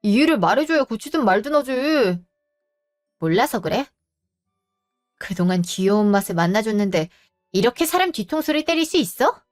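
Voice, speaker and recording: Woman playing scornful young woman, sharp, high voice, story drama, light music. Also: sing-song, normal speed, long pauses. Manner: scolding, cutting. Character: cold, sharp young woman boss's daughter.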